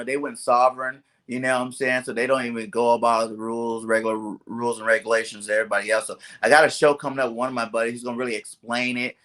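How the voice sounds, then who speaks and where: A man from California hosts a casual sports talk podcast, his voice bright and forward. He talks in a loose, rambling way, filling gaps with "you know what I'm saying." He sounds relaxed and friendly on a video call. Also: mid-range voice. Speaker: podcast host.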